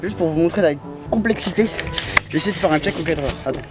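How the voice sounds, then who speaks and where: A man's voice: a little high, fast. A man casually presenting a parkour vlog outdoors, thinking aloud in fragments. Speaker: parkour video creator and presenter. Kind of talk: casual vlog commentary while doing stunts. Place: outdoors in sunshine. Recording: loud music over the voice.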